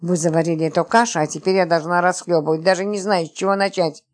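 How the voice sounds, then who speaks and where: A woman's voice: lowish voice, steady tone, fast talker, natural voice. A woman reading the part of a flustered, naive young wife who frets and pleads. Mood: anxious.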